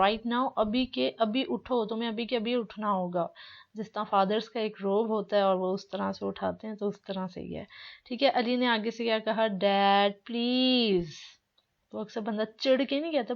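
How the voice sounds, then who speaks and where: A woman teaching English, reading each line of a dialogue slowly and then explaining it. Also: fairly high pitch. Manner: reads English lines slowly, then translates; repeats "ठीक है" between lines. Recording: dull lo-fi recording.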